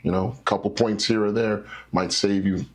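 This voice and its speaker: A man with a deep, low-set voice and a husky grain to it. He talks like a patient teacher, breaking ideas down into simple steps. He keeps it animated with acted-out examples as an interview guest. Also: moderate pace. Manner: animated, teacherly, acts out scenarios. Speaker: credit specialist guest. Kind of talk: explaining with stories in an interview.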